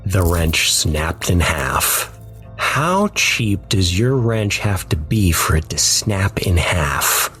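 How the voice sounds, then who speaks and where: A man giving measured, somber scripted narration of a dark first-person story. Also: low-pitched, sing-song, soft background music.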